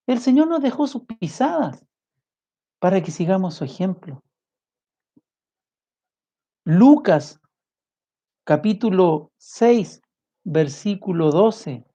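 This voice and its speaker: A man preaching a sermon with passion, firing off rhetorical questions and swinging his voice high and low. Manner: impassioned, rhetorical questions, big swings in pitch and loudness. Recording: muffled lo-fi recording.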